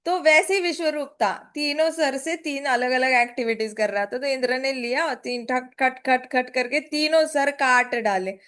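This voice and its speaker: High-voiced woman telling scripture stories. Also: moderate pace, hardly any pauses. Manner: lively, playful, mixes in English phrases. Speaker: storyteller of scripture. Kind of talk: casual religious storytelling.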